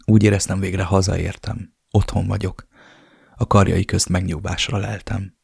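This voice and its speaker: Deep gravelly male audiobook narrator. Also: level tone, no echo, studio quality. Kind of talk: first-person audiobook narration.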